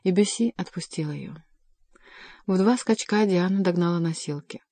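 Woman reading an audiobook, measured, mellow warm voice, dry close mic. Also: on the low side, no room sound. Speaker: audiobook reader. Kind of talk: scripted narration.

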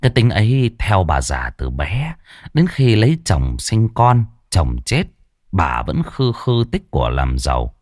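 A man with a deep, low voice tells a ghost story in an expressive, dramatic way. His pitch rises and falls widely. The sound is close and dry, with no room around it. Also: unhurried, no echo. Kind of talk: scripted narration of a ghost story.

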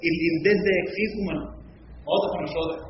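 Egyptian male teacher, brisk questioning delivery in a long-reverb room. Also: fairly high pitch, slight background noise. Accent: Egyptian Arabic. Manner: quizzes students, frequent check-in questions. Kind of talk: classroom lesson. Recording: echoey hall, dull lo-fi sound.

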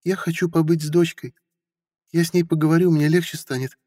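A man's voice: on the high side, flat delivery, fairly quick, warm tone, dry recording, clean studio sound, in a large hall, voice pushed up, close to an everyday voice. A man reading an audiobook who voices a bitter, hurt forty-year-old wife with a sarcastic manner. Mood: weary bitter. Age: 40s. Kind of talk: audiobook character voice.

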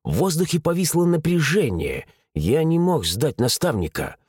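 A man narrating a first-person adventure audiobook in an animated, dramatic reading. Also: on the high side, moderate pace, breathy edge, no echo, clean studio sound.

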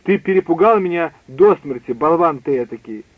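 A man reading aloud who voices an excitable, edgy adult man, alarmed then taunting. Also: on the high side, moderate pace, breathy edge, no room sound. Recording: dry tinny phone-like line.

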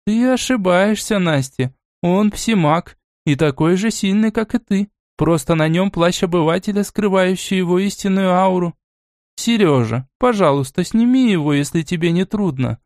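A man voicing a stern, aristocratic old grandmother in an audiobook, speaking in a measured, cool and commanding way. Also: high-pitched, darkish tone, no room sound, studio quality, voice pushed up. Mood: calm.

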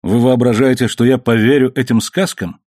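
A man reading the part of a grim, furious English gentleman held in chains, bitter and accusing. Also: mid-range voice, fairly even intonation, moderate pace, no echo, clean studio sound, close to an everyday voice. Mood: angry.

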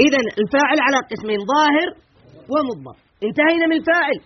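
A man's voice: very high-pitched, expressive, very fast, slight background noise. A man teaching a grammar class, drilling examples in rhythmic lists and quizzing his students. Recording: dull lo-fi lesson recording.

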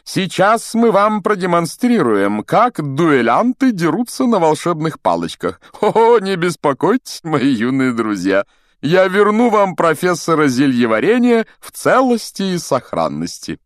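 Guy reading an audiobook doing a pompous show-off wizard teacher, high and loud, lots of swoops. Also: huge pitch swings, measured pace, no echo, clean studio sound. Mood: pompous, showy. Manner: grandiose, self-admiring, booming. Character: vain, showy male wizard teacher, theatrical. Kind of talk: audiobook character voice.

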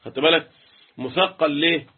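A man's voice: a little high, moderate pace, husky. A man with an Egyptian accent teaching Quran recitation rules, quizzing his students and chanting letters. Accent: Egyptian Arabic. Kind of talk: interactive tajweed lesson. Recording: tinny phone-like line.

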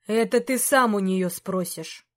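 A woman voicing a stern aging king who speaks slowly and gravely to a knight who disappointed him. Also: mid-range voice, a bit bright, natural voice. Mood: grave reproach. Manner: slow, grave, measured.

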